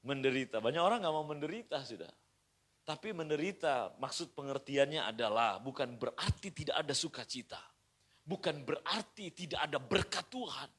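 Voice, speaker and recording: A middle-aged man from Indonesia preaching a sermon as pastor at home, moving from quiet asides to shouted praise. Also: a little high, expressive, normal speed, slightly rough. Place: pastor's house.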